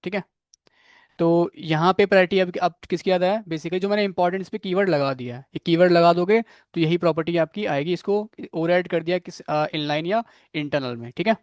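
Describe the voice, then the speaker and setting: Guy teaching html and css, highish voice, keeps checking in with students. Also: fairly quick, dry recording, clean studio sound. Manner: asks students questions, repeats "ठीक है" often; admits struggling with a technical word. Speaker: programming instructor. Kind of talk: live coding lecture.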